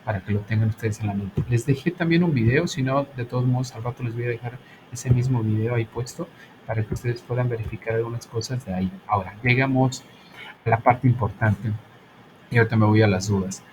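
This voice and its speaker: A man's voice: mid-range voice, fairly quick, noisy background. Bilingual man teaching English grammar. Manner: explains patiently, switches between Spanish and English, frequent "¿ok?". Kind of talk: online class explanation.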